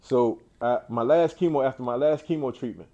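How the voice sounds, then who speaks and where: The recording is lo-fi, carrying a man's warm, medium-pitched voice at a brisk pace. A cancer survivor, he delivers an uplifting faith-based talk to people indoors in the style of a preacher, stressing his words, restating phrases, and restarting often.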